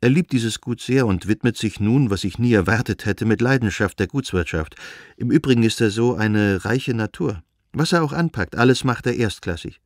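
A man's voice: on the low side, animated, moderate pace, dry recording, studio quality, close to an everyday voice. A male reader voicing Anna, a young noblewoman who talks eagerly and tenderly about her own happiness, in an audiobook reading. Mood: enthusiastic.

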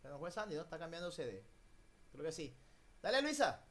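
Profesor animado con acento latinoamericano. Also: male voice, fairly high pitch, fairly quick. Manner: lively, drills pronunciation, mixes Spanish and English. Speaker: English teacher. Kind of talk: online class. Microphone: video call.

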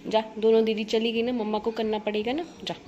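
A woman's voice: fairly high pitch, flat delivery, brisk, darkish tone, lo-fi sound. Woman scolding her dog in baby talk. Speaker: vlogger. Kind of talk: casual home vlog, talking to pets. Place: home.

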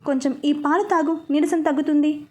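A woman voicing a stubborn but caring young husband in a storybook reading, firm at first and then softly pleading. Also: high voice, steady tone, fairly quick, natural voice. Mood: coaxing.

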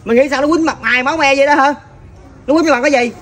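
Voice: high voice, very fast. An actor playing a fuming, scolding older relative. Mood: exasperated. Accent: Southern Vietnamese. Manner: loud exasperated scolding, repeated sighing exclamations. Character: hot-tempered older relative scolding a child.

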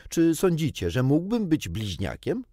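A man voicing a shy, obedient boy who speaks earnestly and gravely. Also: a little high, huge pitch swings, mellow, no room sound, studio quality, pitched above the performer's own voice, heavily acted. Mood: solemn. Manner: shy, solemn, drawn-out.

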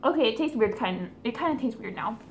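A woman's voice: on the high side, expressive, fairly quick, darkish tone, a little hiss or hum. A woman hosting a casual prank vlog, chatty and bubbly, with whispered asides. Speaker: vlogger.

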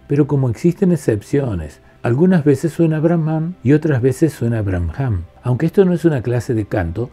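A man narrating a calm, measured lesson on a sacred text from a script. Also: mid-range voice, slightly rough. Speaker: teacher of Vedanta.

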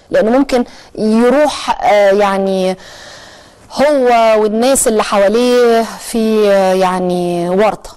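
A woman with an Egyptian accent hosting a televised current-affairs show, explaining at length with frequent drawn-out hesitations. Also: fairly high pitch, a little mellow. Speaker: TV talk show host.

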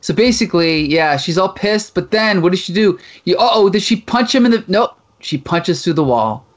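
Host type: chatty man from Canada, somewhat high voice, lively retelling. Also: normal speed. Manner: animated, reads comic lines in playful voices. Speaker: podcast co-host. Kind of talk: casual chat retelling a comic.

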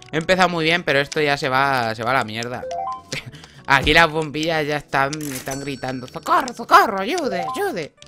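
Casual let's-play commentary from a young gaming YouTuber whose voice sits at a medium pitch. He's lively and jokey, cursing freely and chatting with the game's characters.

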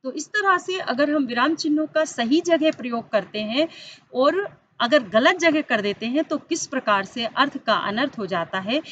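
A woman's voice: a bit bright, dull audio, slight background noise. A woman teacher giving an online school lesson, explaining step by step, speaking directly to the children and lifting her voice on the examples. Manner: stresses key words with rising pitch on examples. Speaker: Hindi teacher.

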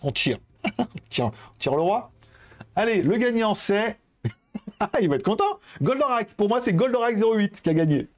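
A man's voice: high-pitched, lively intonation, normal speed. A young man chatting casually with viewers while hosting a live-stream giveaway, rambling and informal, with lots of fillers. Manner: addresses viewers directly.

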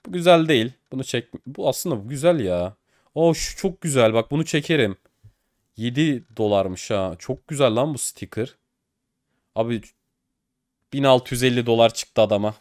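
A young man giving casual commentary while opening game cases online. He gets excitable, swears and pleads at the screen. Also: medium pitch, no echo, studio quality. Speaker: case-opening streamer.

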